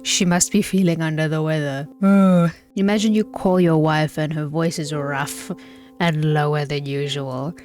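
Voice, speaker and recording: A woman with a fairly low voice reads a story game's narration aloud. She keeps cutting in with sarcastic, rambling asides about the characters. Her tone is loose and comedic. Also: steady tone, a little slow, a little mellow, faint music behind. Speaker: gaming video creator. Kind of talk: reading game text aloud with joking commentary.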